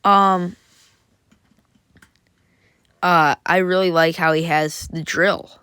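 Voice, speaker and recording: A woman's voice: on the low side, fairly even intonation, takes it slowly, a bit bright, smooth, no room sound, clean studio sound. A woman casually reviewing Halloween props, chatty and enthusiastic with lots of fillers. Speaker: prop reviewer.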